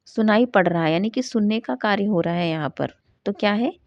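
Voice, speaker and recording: A woman teaching a grammar class at a middle pitch. She asks a question, then answers it herself, and slows down to read each example sentence. The recording is dull and lo-fi, with a dry, close sound. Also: no room sound. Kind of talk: Hindi grammar lesson.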